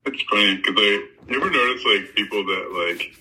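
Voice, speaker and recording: A man talks over a remote call with a tinny, metallic sound. His voice sits fairly low but comes through very sharp and bright. He is co-hosting a loose podcast chat, and he stumbles and restarts his phrases as he goes. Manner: halting, restarts words often. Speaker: podcast co-host.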